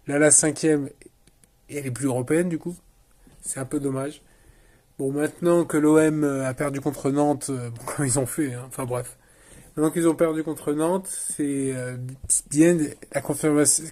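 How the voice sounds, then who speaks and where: A man's voice: a little high, dark tone. A man giving casual football commentary in a rambling, sarcastic way, often breaking off his own sentences. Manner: rambling, sarcastic, self-interrupting. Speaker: football vlogger.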